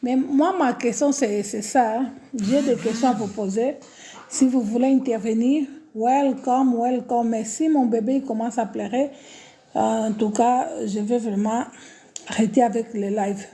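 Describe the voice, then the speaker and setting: A woman's voice: a little high, fairly even intonation, measured pace, mellow. A woman with a Portuguese accent hosting a casual live stream from her phone, repeating greetings and correcting her own wording. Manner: repetitive greetings, self-correcting over word choice.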